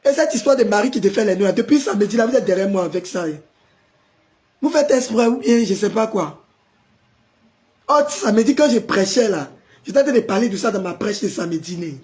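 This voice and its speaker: A pastor hosting a live stream, hoarse from a sore throat and forcing his voice out as he chats with viewers and answers their comments. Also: high voice, lively intonation, brisk, darkish tone. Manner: chatty, greets viewers by name and answers comments.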